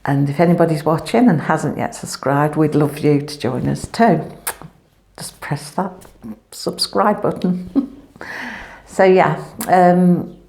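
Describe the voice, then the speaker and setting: Speaking slowly with frequent pauses, a woman with a low, creaky, darkish voice rambles in a chatty family vlog. The empty room at home gives an echo, picked up by her clip-on microphone.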